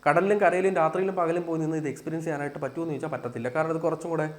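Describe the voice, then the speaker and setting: High-voiced teacher quizzing himself. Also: male voice, steady tone, very fast. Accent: Malayali. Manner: asks questions and answers them himself, repeats key points. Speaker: exam coaching teacher. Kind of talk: explaining a lesson with questions and answers.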